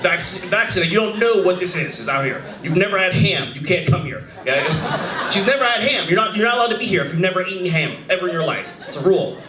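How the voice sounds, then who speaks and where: A man in his thirties doing a stand-up comedy set, animated and shouting his punchlines. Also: high-pitched, quick pace. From United States. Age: 30s. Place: comedy club stage before a live audience. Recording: roomy club with crowd laughter. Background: audience laughing.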